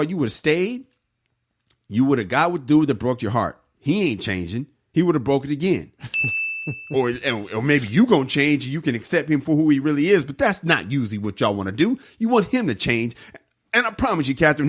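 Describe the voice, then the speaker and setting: A man co-hosting a podcast, ranting in a heated, profane way with his voice climbing. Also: a little high. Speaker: podcast co-host. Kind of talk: casual podcast chat.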